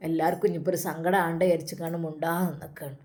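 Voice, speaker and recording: Woman doing a fretful, devout old mother, low and sighing. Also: fairly even intonation, racing, warm tone, close to an everyday voice. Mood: lamenting.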